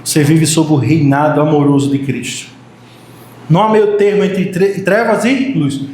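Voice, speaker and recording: A man preaching a sermon in Brazilian Portuguese, animated and joking with his congregation, now and then acting out short quotes. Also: a little high, normal speed. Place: church hall. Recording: very echoey church hall, faint noise.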